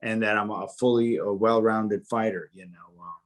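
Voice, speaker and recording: A man's voice: lowish voice, normal speed. Chatty New Jersey man, rambling fighter. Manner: rambling, animated, frequent fillers and restarts. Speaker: MMA fighter, guest. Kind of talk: casual interview.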